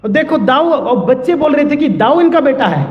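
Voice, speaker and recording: A man's voice: very high-pitched, animated, moderate pace. A man telling a devotional story as a sermon, acting out the dialogue in changing voices and slipping English words into his casual telling. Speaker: Bhagavatam storyteller. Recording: echoey hall, slightly dull sound.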